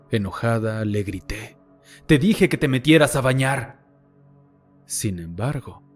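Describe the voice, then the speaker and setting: Man narrating horror stories over soft music. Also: mid-range voice. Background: faint background music.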